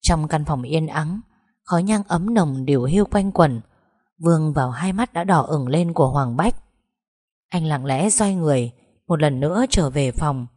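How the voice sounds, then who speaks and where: A woman reading a story aloud, gentle and emotive. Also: sits low, lively intonation, moderate pace, dry recording, clean studio sound. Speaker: narrator. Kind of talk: audiobook story narration.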